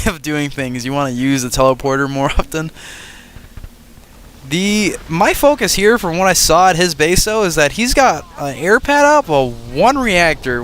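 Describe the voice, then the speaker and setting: A man with a stuffy nose giving easygoing gameplay commentary, thinking out loud as he plays. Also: a little high, clear, resonant tone. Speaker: gaming channel host.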